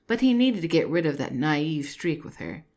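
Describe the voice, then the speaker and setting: A woman narrating her own fan fiction story in an even, measured reading. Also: deep voice.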